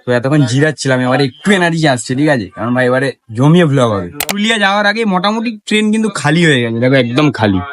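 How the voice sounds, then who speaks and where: A man's voice: a little high, lively intonation, rapid-fire, hardly any pauses. A young man from West Bengal, chatting casually as a travel vlogger at a train station and on a train, filmed on a handheld camera and often asking "right?". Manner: chatty, keeps asking "ঠিক আছে?", talks softly when alone.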